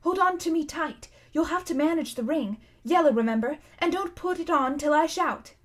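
A woman voicing a plucky, decisive young schoolboy in a storybook adventure, brisk and bossy in manner. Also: high voice, expressive, pitched above the performer's own voice. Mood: urgent.

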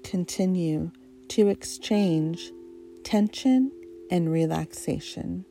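A woman guiding a relaxation meditation in a soft, soothing, hypnotist-like voice, leaving long pauses between short phrases. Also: lowish voice, lively intonation, creaky, faint music behind. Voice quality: soft, mellow. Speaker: guided meditation narrator.

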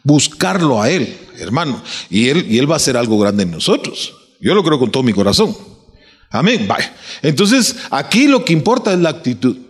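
A man's voice: medium pitch, big pitch swings, normal speed, slightly rough, big-room sound. A man preaching a sermon, asking his listeners questions and restarting his phrases as he builds his point.

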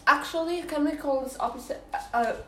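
Young woman vlogger, slightly high voice, chatty with lots of fillers, roomy echo. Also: brisk, sharp tone, slight background noise. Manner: chatty, full of fillers and restarts. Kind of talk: casual chat while eating.

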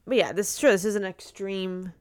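A woman from the United States co-hosting a casual podcast, walking through numbers with wry, deadpan sarcasm. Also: mid-range voice, moderate pace, dry recording, studio quality. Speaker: podcast co-host.

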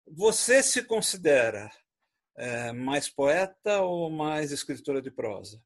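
A man's voice: a little high, big pitch swings, slow. A man interviewing a writer, asking short conversational questions.

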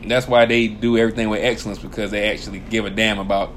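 A young man, co-hosting a casual podcast. He is animated, laughs often and jumps up into high exclamations. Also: quick pace, slight background noise. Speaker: podcast co-host. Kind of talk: casual chat.

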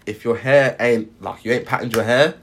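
A man's voice: mid-range voice, steady tone, normal speed, husky. A man co-hosting a podcast, chatting casually in street slang and often repeating himself. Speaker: podcast co-host.

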